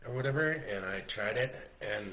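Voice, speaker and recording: A man co-hosting a casual chat, joking and telling animated stories. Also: mid-range voice, moderate pace. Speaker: podcast co-host. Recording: echoey room with faint noise.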